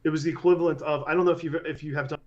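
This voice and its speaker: A man in a casual podcast conversation, talking in an animated way. He often restarts his sentences and mimics other people when he quotes them. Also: on the high side, racing, muffled recording.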